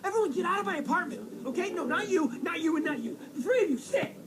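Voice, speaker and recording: An actor playing an excitable young man drunk on power, bossy and high-strung in a sitcom scene. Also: fast talker, over a noisy crowd. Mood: frantic.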